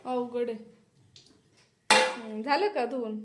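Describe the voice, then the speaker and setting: High-voiced teasing mom in noisy kitchen. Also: female voice, takes it slowly. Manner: playful, teasing, talking to her little daughter. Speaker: mother and vlogger. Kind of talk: casual home vlog chat. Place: home kitchen.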